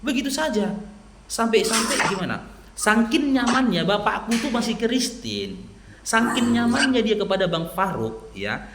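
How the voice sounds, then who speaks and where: A Medan-accented male preacher talks straight to a listener and acts out bits of dialogue as he tells his stories. His pitch rises and falls in wide swings. The voice rings in an echoey room over a faint hiss. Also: measured pace. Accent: Medan Indonesian. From Medan, North Sumatra. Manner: lively storyteller who acts out quoted dialogue. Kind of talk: persuasive religious talk to a listener.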